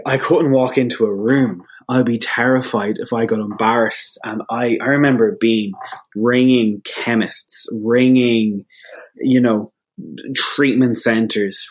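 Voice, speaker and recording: A man in his thirties with an Irish accent, a radio presenter chatting casually as an interview guest, rambling and self-deprecating. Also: mid-range voice. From Ireland.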